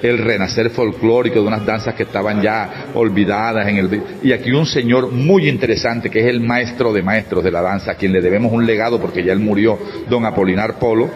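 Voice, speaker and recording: A man from Colombia with a Caribbean coastal accent gives an interview in a slightly low voice. His speech is informal, and the recording is muffled and lo-fi. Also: steady tone, fairly quick. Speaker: carnival festival founder, interviewee.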